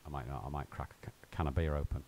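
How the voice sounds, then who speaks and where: A man's voice: extremely low pitch, fairly even intonation, rapid-fire, a little mellow, a little hiss or hum. A man rambling and joking with his viewers while he plays and streams from home. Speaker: game streamer. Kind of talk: casual live-stream chat.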